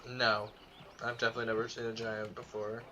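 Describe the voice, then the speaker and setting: A man's voice: lowish voice, completely flat delivery, fairly quick, bright, forceful tone. A man voicing a skeptical, easygoing tavern keeper. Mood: casual. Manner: casual, conversational.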